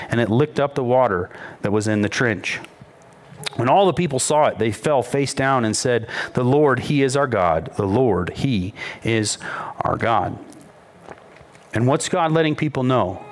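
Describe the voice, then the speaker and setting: A man preaching a sermon as pastor, retelling a scripture story with lively, mocking quoted voices. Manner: storytelling, rises in pitch when quoting mockery.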